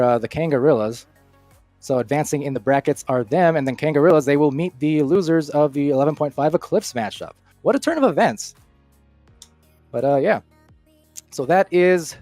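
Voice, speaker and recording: A fairly high-voiced man calls a virtual-reality disc match play by play, rattling off passes and shots with easygoing fillers. His voice is close and dry, with faint game music underneath. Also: dry recording. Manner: energetic, rapid play-calling with fillers. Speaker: esports caster. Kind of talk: live play-by-play esports commentary.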